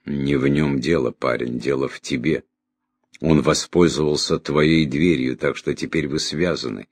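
A man voicing a calm, confident mentor who explains things in a measured way. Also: rumbling low, slightly rough, no room sound, exaggerated voice. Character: calm, cheerful older male mentor. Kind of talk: audiobook character voice.

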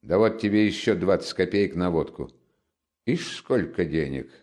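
A feverish young student, nervous and mocking, teasing with a restless edge, as a man with a low voice reads him. His speech swings widely in pitch, rising and dropping from a deep base. It is a storybook reading, plain and close. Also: lively intonation, normal speed, darkish tone. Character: feverish young male student, taunting and overwrought. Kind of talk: audiobook character reading.

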